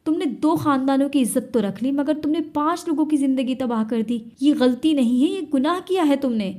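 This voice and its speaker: A woman's voice: on the high side, expressive, a little fast. A woman voicing a furious young man who hurls bitter accusations in an Urdu audio story. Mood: angry. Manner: shouting, bitter reproach.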